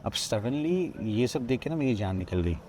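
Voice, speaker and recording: Man from Odisha, podcast guest, mellow voice, retells a haunting, quotes dialogue, faint outdoor ambience. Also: medium pitch, lively intonation, unhurried, a little hiss or hum. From Odisha, India. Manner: narrates with many quoted lines of dialogue, frequent restarts. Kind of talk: retelling a personal ghost story. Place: outdoors at a riverside ghat.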